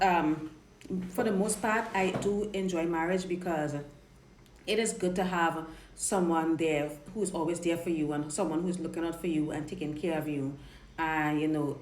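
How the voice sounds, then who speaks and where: With a low, slightly mellow voice, a woman from Trinidad chats openly as a dating coach fielding viewer questions live. Her Trinidadian accent is clear, words get repeated and restarted, and the stream sounds roomy with a faint hiss.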